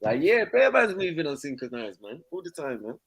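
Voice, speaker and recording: Bright laid-back man hosting. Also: a little high, big pitch swings, brisk, slightly rough. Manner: laid-back slangy banter, laughs often. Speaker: host. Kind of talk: casual panel chat.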